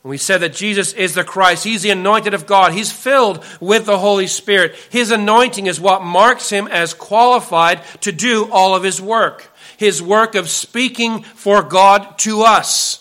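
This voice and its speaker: A man's voice: high voice, unhurried, few pauses, sharp tone. A man preaching a sermon as a pastor, earnest and emphatic, building lists of points for the congregation.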